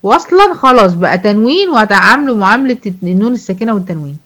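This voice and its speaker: A woman's voice: medium pitch, big pitch swings, a bit bright. Egyptian woman teaching Quran recitation rules. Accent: Egyptian Arabic. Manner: explains rules, then recites verses slowly; asks students questions and answers them herself. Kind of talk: tajweed lesson with recited examples.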